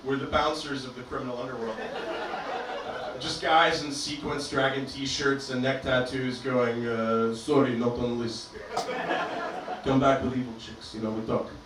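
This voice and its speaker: A man's voice: medium pitch, level tone, measured pace, fairly bright tone, a little hiss or hum. Male stand-up comic from Albania, dry self-deprecating delivery, far from the mic in a reverberant club. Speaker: stand-up comedian. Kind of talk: stand-up comedy set. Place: comedy club stage, performing to a live audience.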